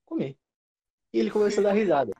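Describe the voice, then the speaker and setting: A young man, telling school stories on a podcast with animated swearing and sudden pitch leaps. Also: fast, husky. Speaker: podcast host. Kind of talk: casual storytelling chat. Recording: dull lo-fi audio.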